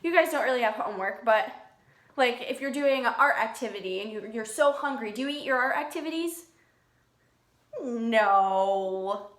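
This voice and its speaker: In the manner of a preschool teacher, a woman reads a picture book to young children, using simple explanations and asking them questions. Her voice is a little high and fairly bright, with lively intonation at a moderate pace, and the room echoes.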